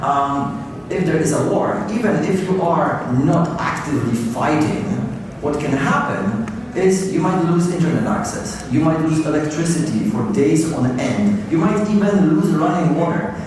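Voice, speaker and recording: A man from Poland gives a keynote talk in a conversational way, full of fillers, with a fairly high pitch for a man. His voice comes from a distance and rings through a large, echoey conference hall. Clear background noise sits under it. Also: lively intonation, moderate pace. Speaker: keynote speaker.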